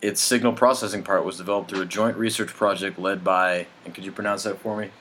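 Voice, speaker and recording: Man, very deep voice, deadpan, halting delivery, casual comedy podcast chat. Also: a little hiss or hum. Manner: deadpan, halting, many fillers. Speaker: podcast co-host.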